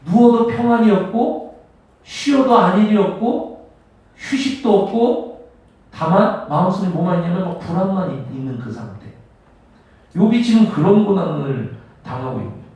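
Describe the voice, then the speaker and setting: A male pastor preaching a sermon with emphatic, dramatic swings between loud and hushed delivery. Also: high voice, expressive, moderate pace, long pauses. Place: church sanctuary. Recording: echoey church hall, mic at a distance.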